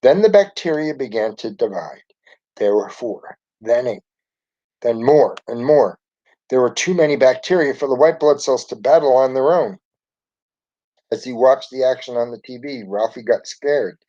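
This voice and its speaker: A man's voice: medium pitch, normal speed, highs cut off. Man reading a children's book aloud. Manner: steady narrating delivery. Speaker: storybook reader.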